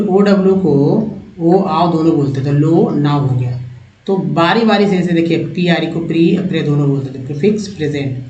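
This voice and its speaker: Hindi-speaking teacher man, slow drill. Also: a little high, darkish tone. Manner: explains slowly, repeats sounds one by one, addresses viewers as friends. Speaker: English teacher. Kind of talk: spoken lesson over slides. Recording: echoey room, dull lo-fi sound.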